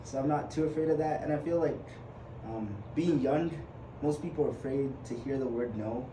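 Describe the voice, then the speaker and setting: A man's voice: mid-range voice, moderate pace. A twenty-one-year-old man from Uganda, a podcast guest talking casually, chatty and hesitant with lots of fillers and restarts. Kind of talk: casual conversation. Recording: echoey room with background noise.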